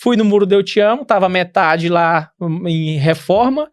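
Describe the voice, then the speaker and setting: High-voiced Brazilian man telling a story. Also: normal speed. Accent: Brazilian Portuguese. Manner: rambling storyteller, frequent restarts. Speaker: podcast guest. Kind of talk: casual interview.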